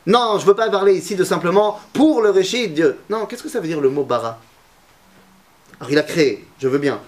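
Lively male teacher questioning a class. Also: sits high, a little fast. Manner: lively, questions the class, mixes in Hebrew terms. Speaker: Torah teacher. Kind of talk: classroom Torah lesson. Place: classroom with students.

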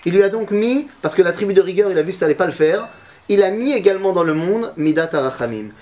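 A man's voice: high-pitched, lively intonation, quick pace, a little mellow. A man teaching a Torah lesson to a class, asking his students questions and mixing Hebrew terms into his talk.

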